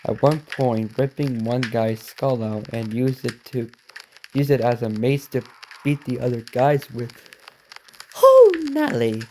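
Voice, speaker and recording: Mellow man reading a story with asides. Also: medium pitch, fairly even intonation, a little hiss or hum. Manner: reads haltingly, corrects himself and cuts in with quick asides. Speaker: reaction video host. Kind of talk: reading a story aloud with reactions.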